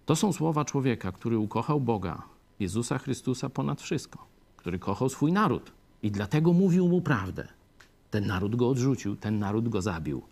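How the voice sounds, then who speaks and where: Husky-voiced man preaching a sermon. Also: expressive, normal speed. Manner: emphatic, swinging between raised peaks and low hushed phrases.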